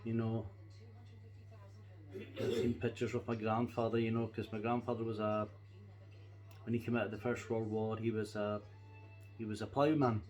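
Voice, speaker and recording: A man's voice: fairly low pitch, little pitch movement, moderate pace, long pauses, a little mellow, poor audio. Scottish man, folksy rambling chat over music. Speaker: pipe-smoking vlogger. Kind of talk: casual, reminiscing chat to camera.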